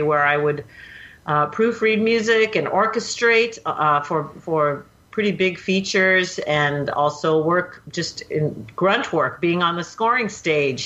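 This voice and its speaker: A woman from Oregon, a film composer, telling her story in a casual interview, earnest and pausing often. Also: deep voice, bright, forceful tone, muffled recording. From Portland, Oregon, USA. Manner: earnest, hesitant with fillers.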